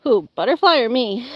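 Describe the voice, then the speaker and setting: A woman with a slightly high voice, host of an animal channel, gardens outdoors in a farmyard, shoveling compost while making casual, rambling conversation with a live audience. She sounds sniffly from allergies and leans on the word "like." The recording is dry and muffled.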